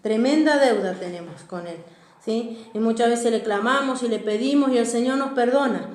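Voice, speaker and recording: A woman's voice: fairly high pitch, normal speed. Woman pastor preaching in an echoey church. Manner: preaching, often asking the congregation "¿sí?". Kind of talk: sermon.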